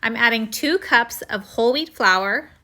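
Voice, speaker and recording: A woman's voice: fairly high pitch, expressive, unhurried, pushed and bright. A woman hosting a home cooking video, talking through a recipe step by step in a casual, friendly way.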